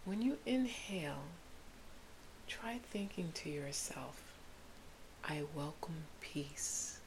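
In a soft, soothing whisper, a woman guides a sleep meditation, her low voice very unhurried like a spa relaxation guide, though her intonation is lively. A faint hiss sits behind her throughout the recording.

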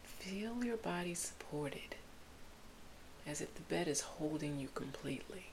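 A woman leads a guided sleep meditation in a soft, soothing whisper. Her voice is low and very unhurried, like a spa relaxation guide. A faint hiss runs behind her. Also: expressive, low-quality recording. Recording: hissy background noise.

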